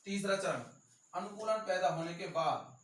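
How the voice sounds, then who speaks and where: A male teacher with a Rajasthani accent gives an exam-prep lecture, repeating key terms slowly and stressing them. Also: high-pitched. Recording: echoey room, voice from far off.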